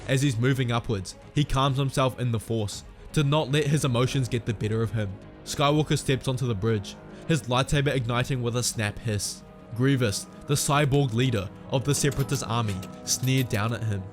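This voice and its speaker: A man giving steady, dramatic scripted storytelling narration. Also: medium pitch.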